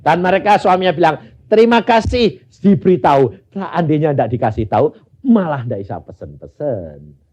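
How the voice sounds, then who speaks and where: An older man with a Javanese-inflected Indonesian accent preaching a sermon, telling stories and acting out the dialogue, swinging from loud bursts to near-whispers. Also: fairly high pitch, sing-song, moderate pace, dull audio. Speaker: pastor. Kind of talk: sermon with anecdotes.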